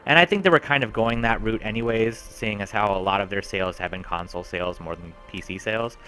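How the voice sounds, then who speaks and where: A man's voice: lowish voice, fast talker, pushed and bright, faint music behind. A man giving casual, enthusiastic gameplay commentary as a game reviewer. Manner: chatty and enthusiastic.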